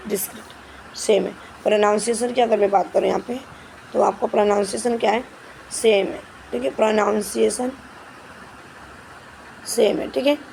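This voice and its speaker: A woman's voice: on the high side, gravelly, darkish tone, slight background noise, low-quality recording. A woman teacher explaining English grammar questions in Hindi, stepping through each answer and often checking with "ठीक है". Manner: reads English questions slowly and carefully.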